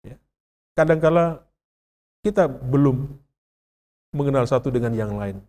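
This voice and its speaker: Indonesian pastor preaching in a reverberant hall. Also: male voice, medium pitch, animated, unhurried, darkish tone. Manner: conversational preaching, often asking the congregation questions. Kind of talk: sermon. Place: church sanctuary. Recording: long reverb of a church hall.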